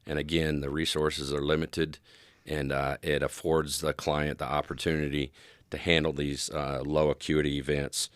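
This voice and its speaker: An expert guest in a conversational interview, this man has an extremely low voice and a level tone. He comes across as agreeable and measured, hedging and restarting as he explains, and the recording is dry with no room sound.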